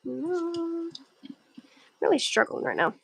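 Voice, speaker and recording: A woman's voice: very high voice, wildly swooping pitch, takes it slowly, creaky. A young woman chatting casually on a livestream while drawing, giggly and blunt, swearing often.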